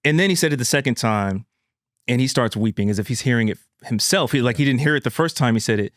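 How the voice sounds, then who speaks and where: A man's voice: mid-range voice, expressive, fast talker, dry recording, clean studio sound. A man hosting a podcast, telling a heartfelt personal story in an earnest, emphatic way and calling the listener "man" and "bro". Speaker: podcast host.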